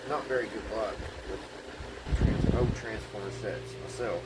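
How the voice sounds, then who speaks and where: A man hosting a radio repair channel casually talks his viewers through hands-on repair work, thinking aloud in a folksy manner. His voice is fairly low and his pace measured, with a loud, steady hum and room noise in the background.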